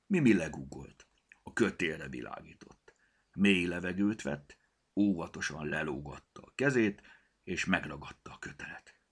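Deep, gravelly male storyteller. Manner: expressive reading, often hushed. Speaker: narrator. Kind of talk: storybook narration.

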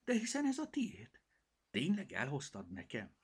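Give me a shy little stray kitten from a storybook, played by a man, with a thin, small voice that sounds apologetic. It sits high above a low voice and carries a husky, breathy edge. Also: wildly swooping pitch, heavily acted. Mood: timid, grateful.

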